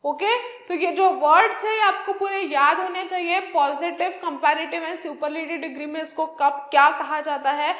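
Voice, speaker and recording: A young woman teacher with an Indian English accent, giving an exam-prep grammar lesson and drawing out example words slowly. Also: high-pitched, fairly bright tone, reverberant. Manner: slow, drawn-out spelling and repetition of example words; mixes Hindi with English phrases.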